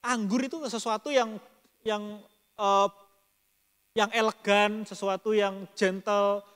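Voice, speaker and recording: This pastor's voice is high, smooth and a bit bright, echoing through a big hall as he preaches a Bible study. Speaking relaxed Indonesian with a Surabaya accent, he addresses the congregation directly and wanders along with plenty of fillers.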